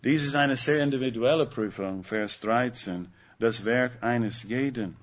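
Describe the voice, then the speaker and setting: A man preaching a sermon, slow and emphatic, putting rhetorical questions to the congregation. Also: mid-range voice, lo-fi sound.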